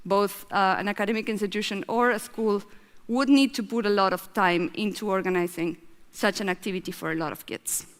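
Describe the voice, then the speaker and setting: A woman from Argentina gives a conference talk in a large hall, and her voice trails off into a long reverb. She speaks at a mid pitch and explains her points in an earnest, measured way. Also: clear, resonant tone. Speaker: festival speaker, head of a science nonprofit.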